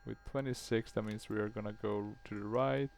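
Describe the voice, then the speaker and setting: A man's voice: lowish voice, fairly even intonation, a little fast, gravelly, a little mellow, a little hiss or hum. A man giving casual gameplay commentary on a flight simulator, thinking aloud in short phrases.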